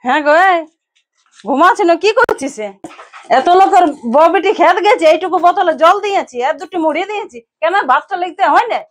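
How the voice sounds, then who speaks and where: A woman's voice: very high-pitched, a little fast. An actress playing a middle-aged farming mother-in-law with a Purulia Bengali accent, who grumbles and scolds. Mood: scolding. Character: nagging village mother-in-law, a hard-working farmer. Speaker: actor in a village drama.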